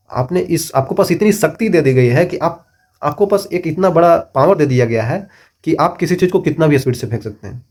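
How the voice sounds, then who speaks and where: A man's voice: fairly high pitch, a little mellow. A middle-aged man teaching a physics lesson, explaining with repeated checks and everyday examples. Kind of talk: classroom lecture.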